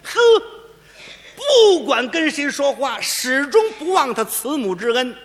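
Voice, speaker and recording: Man, crosstalk comedian, very high bright voice, long hall reverb. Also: sing-song. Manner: boastful, playfully evasive, quick retorts.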